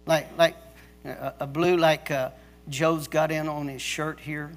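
A middle-aged man preaching a sermon as pastor, emphatic, with pauses and restarts. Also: fairly high pitch, flat delivery.

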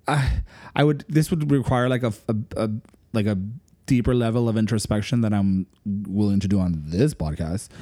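A man's voice: on the low side, mellow, dry recording, studio quality. A man with a Miami accent co-hosting a casual podcast, reflective and colloquial, peppering his talk with 'like'. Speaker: podcast co-host.

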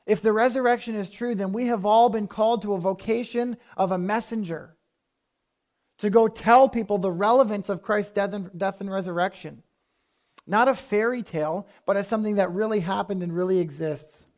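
A man preaching a sermon as pastor, talking to the congregation in a conversational way that builds to forceful emphasis. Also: high voice.

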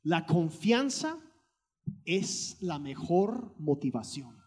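A man interpreting a sermon live, phrase by phrase, and matching the preacher's energetic emphasis. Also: fairly high pitch, takes it slowly, husky. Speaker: church interpreter.

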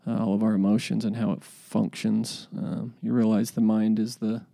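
A man's voice: lowish voice, little pitch movement, moderate pace, creaky, warm tone. A man hosting a podcast in a casual, rambling way, with informal buddy slang and musing, hesitant delivery. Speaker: podcast host.

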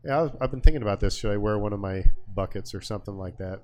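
Deep-voiced joking man host. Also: racing, a crowd in the background. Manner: jokey, storytelling, self-deprecating. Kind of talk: casual panel chat.

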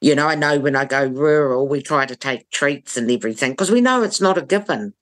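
A woman's voice: extremely low pitch, expressive, a little fast. A woman with a New Zealand accent giving blunt, emphatic opinions in conversation, repeating phrases for stress. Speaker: interview guest.

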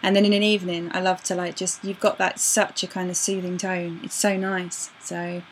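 A woman interviewer talking in a chatty, gushing way that is quick to laugh. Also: on the low side, little pitch movement, a little hiss or hum, low-quality recording. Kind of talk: casual interview chat.

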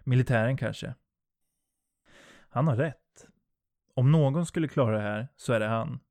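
A man narrating a first-person horror story in a low, steady storytelling voice. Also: dry recording, studio quality.

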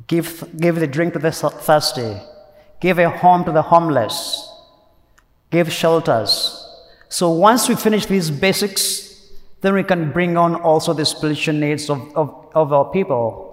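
A man with a high-pitched voice preaches a Sunday homily in a large church. His delivery is earnest and emphatic, and he circles back to key phrases. A long cathedral echo trails after each line. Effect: cathedral echo, long church reverb. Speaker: priest.

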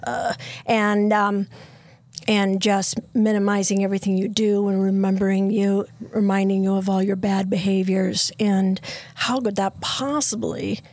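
A woman trauma therapist, a guest on a podcast, explaining in an earnest, steady way. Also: medium pitch, measured pace, no echo, studio quality. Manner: earnest, explains steadily, drops to soft whispers when quoting inner voices.

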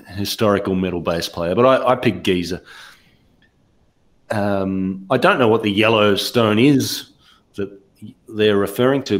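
A man with a fairly low voice talks through an album track by track. His delivery is measured and explanatory, the relaxed tone of a casual music podcast host. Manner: measured, explanatory, steers the discussion. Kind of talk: casual music review chat.

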